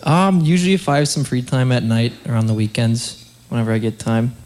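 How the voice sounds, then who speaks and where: A man's voice: medium pitch, steady tone, a little fast, a little mellow. A young man from Minnesota, a college hockey player, giving easygoing, short interview answers. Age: young adult.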